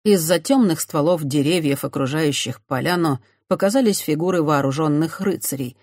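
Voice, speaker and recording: An audiobook narrator reading a fantasy novel in an even, measured storytelling manner. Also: mid-range voice, no room sound, clean studio sound.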